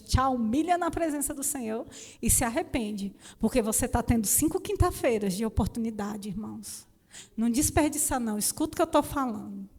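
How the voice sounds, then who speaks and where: A Brazilian woman preacher giving an animated sermon with a personal testimony, often calling out to the congregation as brothers. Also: a little high. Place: church hall. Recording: reverberant church hall.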